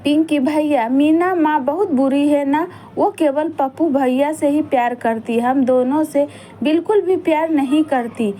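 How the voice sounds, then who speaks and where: A woman voicing a sad little village girl who pleads and complains softly. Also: sits high, a little slow. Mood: plaintive. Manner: pleading, plaintive.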